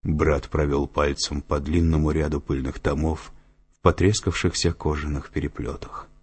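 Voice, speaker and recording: A man narrates an audiobook in a steady, even manner. His voice sits very low and has a husky grain. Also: moderate pace. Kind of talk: scripted narration.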